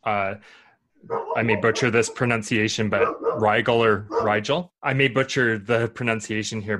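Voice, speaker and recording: Male podcast co-host, lowish pitch, quick casual political chat, loose and rambling. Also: fairly bright tone. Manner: talks fast in long running thoughts with frequent restarts.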